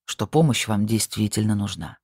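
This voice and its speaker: A narrator voicing a calm, stern male medium who speaks slowly and gravely. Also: lowish voice, no room sound, clean studio sound, voice pushed down.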